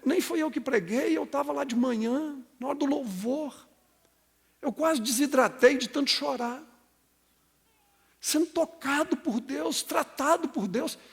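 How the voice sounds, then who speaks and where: A middle-aged Brazilian man preaching an animated sermon in a church hall, acting out dialogue and calling for responses. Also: very high voice, gravelly. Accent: Brazilian Portuguese. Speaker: pastor. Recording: long hall reverb.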